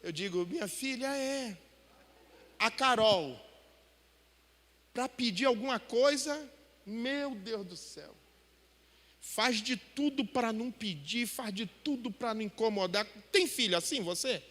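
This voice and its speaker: A man's voice: sits high, animated, a little slow, a bit bright. A middle-aged man preaching a sermon in a church, talking animatedly and asking the congregation rhetorical questions. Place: church hall. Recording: long hall reverb from a church.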